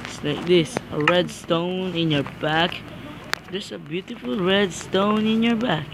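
A man casually showing off a game mod, excitable and halting, with fillers and chuckles. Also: high voice, gravelly. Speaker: mod reviewer. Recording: loud background noise.

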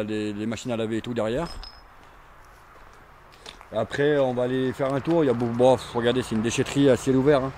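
A man's voice: mid-range voice, darkish tone, slight background noise. Chatty man filming outdoors. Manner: chatty, rambling, many fillers and repeats. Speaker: urban explorer vlogger. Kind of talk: casual walking commentary to camera. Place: outdoors at an abandoned burned campsite. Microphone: handheld or chest action camera.

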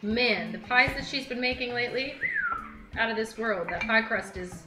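A woman's voice: a little high, moderate pace, reverberant, very noisy. Chatty woman hosting a kitchen show. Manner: chatty, enthusiastic, praising. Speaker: cooking show host. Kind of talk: presenting a home cooking video. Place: home kitchen.

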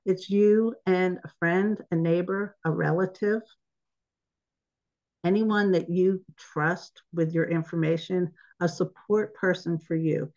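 A woman's voice: on the low side, fairly even intonation, slow, a little mellow. A woman giving an informal online presentation, chatty and laughing at her own slip-ups, heard over a video call. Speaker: webinar presenter. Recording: dull lo-fi webinar audio.

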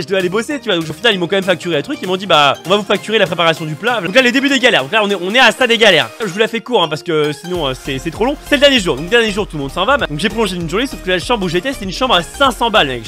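A young man telling a story on his vlog, animated and slangy, acting out the people in it. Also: high-pitched. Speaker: vlogger.

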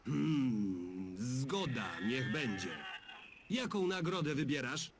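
A man's voice: medium pitch, big pitch swings, slow, crowd noise. An actor voicing a stubborn, wheedling male game stall keeper in a dubbed adventure game. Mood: wary. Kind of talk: game dub voice acting.

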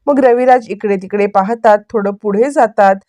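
A woman recaps an episode of a television serial at a moderate pace, with no room sound. She retells the scenes as a story, raising her pitch when acting out the characters' dialogue.

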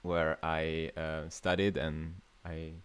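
His voice is a rumbling low, smooth and slow, with little pitch movement. He's an Italian new media artist in his twenties with an Italian accent, hosting a casual livestream masterclass from a small indoor room, where he chats with viewers informally and hesitantly, often thinking aloud.

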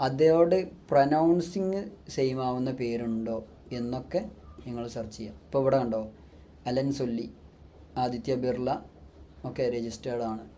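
A man's voice: mid-range voice, normal speed, pauses often, dark tone, a little hiss or hum. A man working as a business consultant gives a step-by-step tutorial and keeps asking himself rhetorical questions as he explains.

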